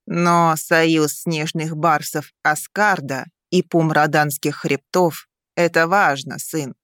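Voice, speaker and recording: A woman reading the part of a calm, affectionate noble father who is a werewolf, in an audiobook. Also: low voice, slow, no echo, clean studio sound. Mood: reasoning.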